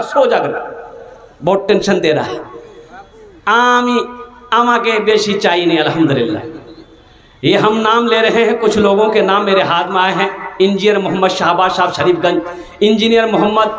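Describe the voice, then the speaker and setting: A man's voice: sits high, fairly bright tone, echoey room. A man preaching at a fundraising gathering, making rhythmic appeals and teasing jokes. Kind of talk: fundraising sermon with humor.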